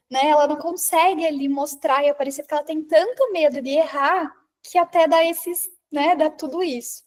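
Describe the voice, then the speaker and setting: A woman from inner Paraná, Brazil, speaks in a high voice with a darkish tone. She is giving a live online talk on public presence and confidence to a women's group, chatting directly with listeners, reading their comments aloud and often ending sentences with a questioning "né?".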